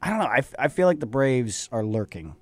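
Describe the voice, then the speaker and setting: A man's voice: mid-range voice, big pitch swings, brisk, no echo. A young man co-hosting a college radio sports show, chatty and eager, often saying "like". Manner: chatty, enthusiastic fan, fills with "like". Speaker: co-host. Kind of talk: casual sports talk.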